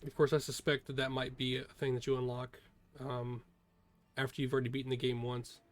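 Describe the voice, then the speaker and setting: A man's voice: medium pitch, monotone, fairly quick. A man giving casual, informal first-impressions commentary as a streamer, talking in a hesitant way. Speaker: video host, streamer reacting to a game trailer.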